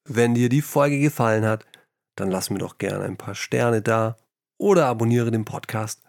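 Gravelly-voiced man with a lilt. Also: medium pitch, normal speed, no echo, clean studio sound. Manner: addresses the listener directly with instructive tips. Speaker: podcast host teaching creative writing. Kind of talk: scripted podcast lesson.

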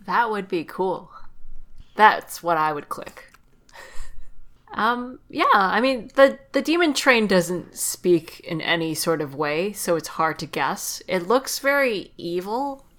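A woman's voice: medium pitch, expressive, takes it slowly, fairly bright tone. A woman co-hosting a casual podcast chat, thinking aloud with fillers and laughing easily. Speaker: podcast co-host.

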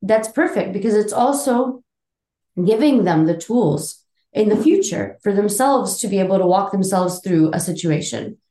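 A woman's voice: mid-range voice, expressive, moderate pace, warm tone. Earnest woman podcaster in a roomy, echoey space. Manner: earnest and explanatory, with apologetic asides. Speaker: parenting podcast co-host. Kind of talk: casual conversational podcast chat.

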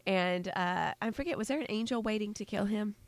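A woman's voice: medium pitch, fairly quick, no echo. A woman co-hosting a casual Bible podcast, chatty and playful, laughing often as she talks. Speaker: podcast co-host.

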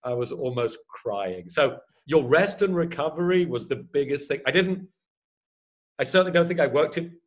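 A man in his fifties, an ultra runner chatting casually about his races, self-deprecating and quick to laugh. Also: fairly high pitch, animated. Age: 50s. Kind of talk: casual chat.

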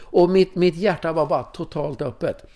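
A man in his fifties from Sweden, a course leader telling personal stories in an interview in a casual, animated way. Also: on the high side. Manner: animated, casual, swears, tag questions. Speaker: course leader in sexuality and breathwork.

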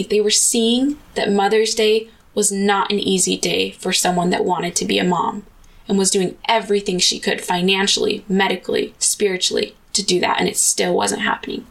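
A woman's voice: medium pitch, gravelly, poor audio. A woman podcast host telling her own personal story in an earnest, confessional monologue.

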